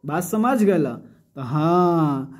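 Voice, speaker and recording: A man's voice: a little high, expressive, drawn-out words, a little mellow. A man teaching a grammar lesson, explaining by asking his own questions and repeating each term. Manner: mixes Hindi with a Bhojpuri-like dialect, calls pupils "bauaa".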